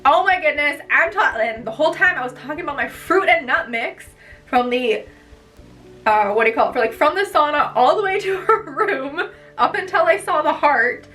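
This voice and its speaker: A woman's voice: sits high, expressive, normal speed, a bit bright, distant mic, soft background music, poor audio. A young woman vlogger chatting casually as she tells a story, bubbly and gushing, rambling on.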